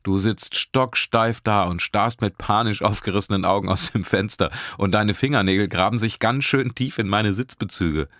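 A chatty, teasing young woman at the wheel, read by a man in his own low voice. She rattles on with amused, joking remarks. The reading is dry and close. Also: moderate pace, hardly any pauses, fairly bright tone, no room sound, close to an everyday voice. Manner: talkative, teasing, laughing often. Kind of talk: audiobook character voice.

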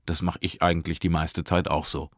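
Man reading a chatty teasing young woman driver, low-ish voice, dry close audiobook sound. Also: little pitch movement, fairly quick, dry recording. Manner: talkative, teasing, laughing often. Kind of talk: audiobook character voice.

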